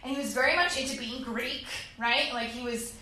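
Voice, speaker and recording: Bright high-voiced woman doing stand-up. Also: fairly quick, recorded from a distance. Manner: animated, acts out characters in quotes. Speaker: stand-up comedian. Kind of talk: stand-up comedy set. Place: comedy club stage. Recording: very echoey room, faint crowd noise.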